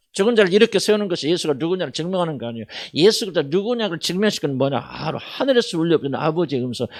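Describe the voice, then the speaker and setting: Gravelly, animated Korean pastor preaching. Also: male voice, on the high side. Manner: preaches with rhetorical questions, sudden loud and soft swings. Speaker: senior pastor. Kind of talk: sermon.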